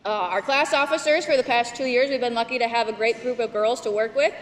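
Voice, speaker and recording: A woman's voice: on the high side, fast. A woman class advisor giving a ceremony speech, thanking the class officers and reading out their names. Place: large school gymnasium. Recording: echoey gym from far off, loud crowd. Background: crowd noise.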